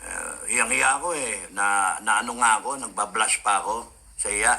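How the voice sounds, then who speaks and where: Guy going off on a rant, cursing, lots of uh fillers, bright sharp voice, sounds like a radio show. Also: fairly low pitch, normal speed, vocal fry, slightly rough. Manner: heated, swearing, rambling with many fillers. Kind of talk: ranting monologue.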